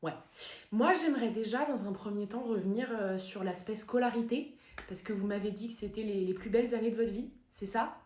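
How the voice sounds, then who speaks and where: A woman playing a calm, dry female psychotherapist in a comedy sketch, speaking softly and deadpan. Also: medium pitch, reverberant, natural voice. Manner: soft-spoken, measured, deadpan.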